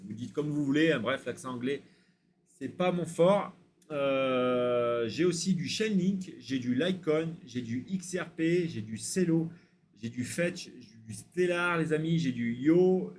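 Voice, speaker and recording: A man talking casually to his viewers with lots of hesitant fillers, rattling off long lists in a relaxed way. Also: mid-range voice, slight background noise. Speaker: crypto YouTuber. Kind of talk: casual to-camera talk.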